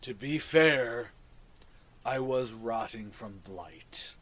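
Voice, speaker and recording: A man voicing a gentle, grateful mushroom creature leader in a tabletop game, speaking softly and courteously with a hushed, muffled, solemn delivery. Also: mid-range voice, lively intonation, extremely slow, husky, voice pushed down, heavily acted. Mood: grateful, apologetic.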